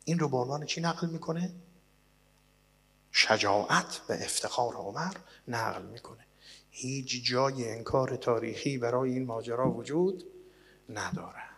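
Male preacher with a breathy, husky voice; dramatic delivery that rises loud and drops hushed, heard with long reverb. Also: long pauses. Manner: dramatic, swinging from loud declaiming to hushed low tones. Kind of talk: sermon reading and translating Arabic sources. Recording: long reverb, as in a large hall.

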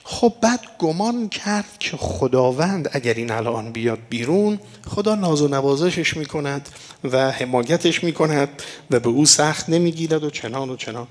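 A man giving an evening sermon that explains scripture, reciting verses slowly and asking rhetorical questions before answering them. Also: a little high, expressive. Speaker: religious lecturer. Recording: long hall reverb.

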